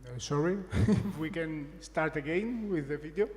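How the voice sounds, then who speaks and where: Corporate male speaker, stop-start delivery, higher register, big reverberant hall. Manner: halting, many restarts and fillers. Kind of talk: conference talk. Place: large conference stage.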